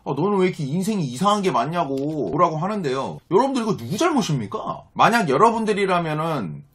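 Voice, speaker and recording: A man's voice: a little high, very animated, quick pace, fairly bright tone, husky. A man in his thirties telling viewers an angry story and acting out both sides of the exchange. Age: 30s. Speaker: vlogger.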